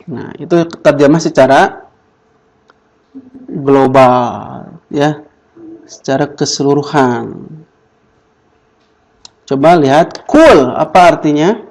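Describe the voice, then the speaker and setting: Slow, patient man teaching a class. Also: on the high side, gravelly, a little mellow, low-quality recording. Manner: slow, drills class with repeated questions. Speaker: Quran Arabic teacher. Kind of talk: classroom lesson.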